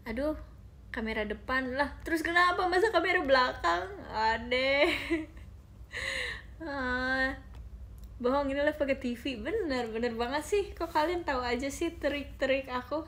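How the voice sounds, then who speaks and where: High-voiced, chatty young woman on a phone stream. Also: a little slow, a bit bright. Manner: chatty and giggly, often addresses viewers as guys. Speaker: idol live streamer. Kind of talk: casual live-stream chat, reading viewer comments.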